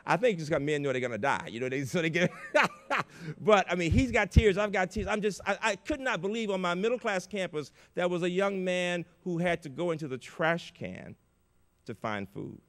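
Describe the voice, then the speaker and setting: An older man giving an inspirational keynote speech at a conference, telling stories with big emotional swings in loudness. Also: sits high, animated, moderate pace. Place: large conference auditorium. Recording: reverberant conference hall.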